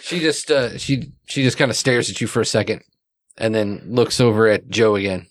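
A man's voice: lowish voice, moderate pace, dry recording. A man running a tabletop game as game master, narrating with many fillers and putting on voices for the characters.

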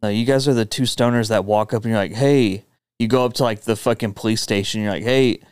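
A man co-hosting and editing a podcast, giving dry deadpan comebacks in casual banter. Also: on the low side, quick pace, clean tone, no room sound. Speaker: podcast co-host and editor.

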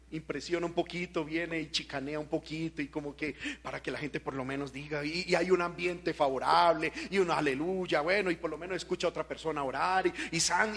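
A man with a slightly high voice preaches a fervent evangelical sermon. He moves between loud, shouted urging and softer talk, using rhetorical questions to press his points.

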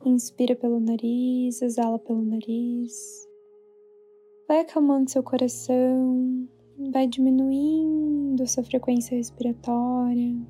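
A Brazilian woman guiding a sleep meditation in a soothing, hushed, spa-like manner. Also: high voice, husky. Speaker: meditation guide. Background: soft background music.

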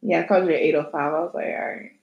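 A woman's voice: low-pitched, fairly even intonation, racing, vocal fry, reverberant, dull audio. A woman, co-hosting a casual podcast chat, who teases and laughs often. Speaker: podcast co-host.

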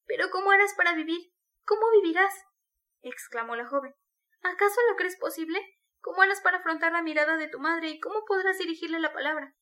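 A woman's voice: fairly high pitch, little pitch movement, brisk, hardly any pauses, fairly bright tone, natural voice. A woman reading the part of a devout, desperate young woman who pleads with tearful urgency. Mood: pleading.

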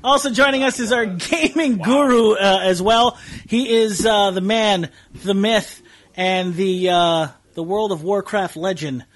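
High-voiced male podcast host, halting. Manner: rambling, halting introductions full of fillers. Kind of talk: casual podcast chat. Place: comic book store.

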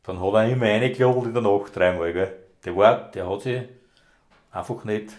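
Low-voiced man telling dog stories. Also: normal speed, a little mellow. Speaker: former rescue dog handler, interviewee. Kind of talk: casual storytelling interview.

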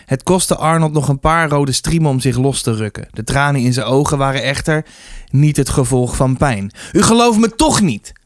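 A man reading a youth novel aloud with steady, measured narration. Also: mid-range voice, dry recording, studio quality. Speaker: reader. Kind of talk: storybook reading.

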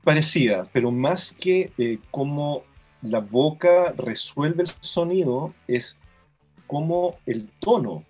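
Husky-voiced man explaining an app. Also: on the high side, lively intonation, takes it slowly, darkish tone, soft background music. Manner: patient, explanatory. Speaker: app co-founder. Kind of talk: product demo explanation.

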